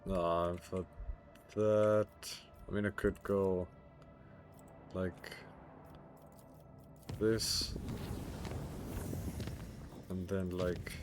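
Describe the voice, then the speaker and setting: A man's voice: sits low, flat delivery, very slow, long pauses, a little hiss or hum. A young man livestreaming a game, rambling and stammering as he chats, swears and jokes with his viewers. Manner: rambling, stammering, profane and joking. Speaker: streamer. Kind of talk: casual game livestream chat.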